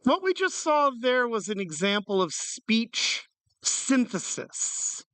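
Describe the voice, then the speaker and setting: A conference speaker giving a live tech talk in an energetic, punning way that jumps between fast and slow, picked up from a distance. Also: mid-range voice, clean tone, no room sound.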